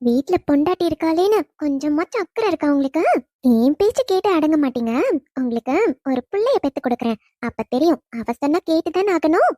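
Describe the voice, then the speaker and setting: Cartoon: loving ghost wife, high mellow voice, teasing, woman performer. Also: animated, brisk, dry recording, studio quality. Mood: tender teasing. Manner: affectionate teasing, soft laughs. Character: young wife's gentle spirit, teasing and loving. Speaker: dead wife visiting husband. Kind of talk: cartoon voice acting.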